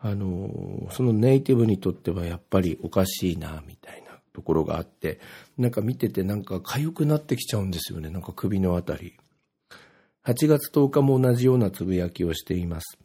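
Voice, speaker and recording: A man's voice: low voice, lively intonation, brisk, mellow, slightly rough. A man from Ibaraki talking casually on his own, reading his posts aloud and rambling with plenty of filler words. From Ibaraki, Japan.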